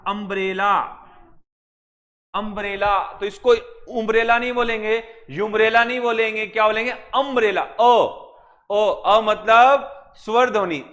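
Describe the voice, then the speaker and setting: This male coaching-center teacher has a high voice that sounds pushed and bright. Lecturing to a class of students, he explains by raising questions and supplying the answers himself.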